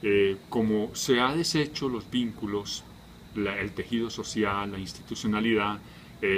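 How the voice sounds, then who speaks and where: A man with a fairly low voice walks through his subject in a measured, explanatory way. He leans on fillers and often poses questions that he then answers himself. A faint ambience sits under the recording. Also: a little hiss or hum. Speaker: humanitarian health worker. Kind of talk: explanatory talk.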